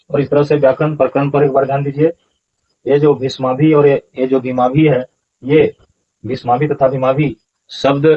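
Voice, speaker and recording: A man's voice: medium pitch, dull audio. A man explaining scripture verses as a teacher, patiently repeating pronunciations syllable by syllable. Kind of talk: explanatory lesson.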